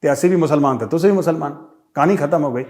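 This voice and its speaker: A man's voice: on the high side, quick pace, darkish tone, close to an everyday voice. A man voicing an evasive male Pakistani official with a Punjabi accent, dodging in a sheepish, dismissive tone. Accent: Punjabi-accented Hindi.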